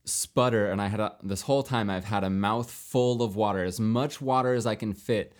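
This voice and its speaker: A young man telling a long story in casual chat, rambling with many fillers and restarts, lively when he quotes others. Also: lowish voice, moderate pace. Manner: animated when quoting others.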